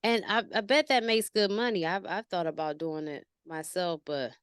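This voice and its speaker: A woman's voice: lowish voice, fairly even intonation, normal speed, clean tone, no room sound, clean studio sound. A woman hosting a spiritual podcast, chatting casually with a guest, laughing and rambling with restarts. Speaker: podcast host. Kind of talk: casual interview chat.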